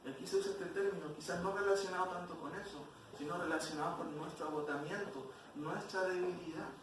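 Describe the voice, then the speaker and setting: A high-voiced man leads a Sunday school Bible class and keeps asking his listeners questions. He sounds distant in a very echoey church hall, with steady noise behind him. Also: a little fast. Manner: questions the class, frequent "¿cierto?".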